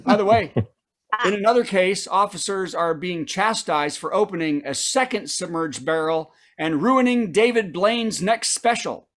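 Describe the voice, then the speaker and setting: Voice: mid-range voice, normal speed, a crowd in the background. A comedy host delivering a punchy late-night style monologue, setting up news items and punchlines with asides to the audience.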